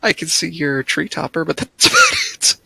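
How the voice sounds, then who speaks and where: Gravelly, bright-toned young man teasing. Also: fairly high pitch, wildly swooping pitch, moderate pace, no echo. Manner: teasing, laughing, swears freely. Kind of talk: casual gaming voice chat.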